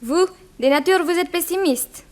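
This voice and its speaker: Her voice is very high and moves at a normal speed. She is an actress voicing a cheeky, self-confident eighteen-year-old Russian immigrant, bold and proud, in a French radio play from the 1960s, sounding chatty and cheeky.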